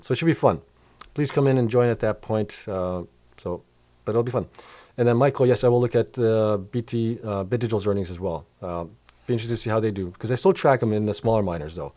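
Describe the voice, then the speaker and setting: Man, middle-aged, casual livestream host, rambling with fillers, worn-out voice, fairly low pitch. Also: warm tone. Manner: loose and rambling, many fillers, reads chat aloud. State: voice getting worn out. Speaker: livestream host answering chat questions.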